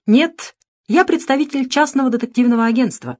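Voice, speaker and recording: A woman's voice: high-pitched, fairly quick, pitched above the performer's own voice. A woman voicing a cool, mocking male private detective in an audiobook, speaking sternly. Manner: stern, needling. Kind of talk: audiobook narration.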